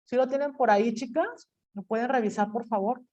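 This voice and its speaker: Animated woman teacher lecturing. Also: a little high, fairly quick. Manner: animated, acts out student quotes. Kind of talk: classroom lecture. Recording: dull lo-fi classroom recording.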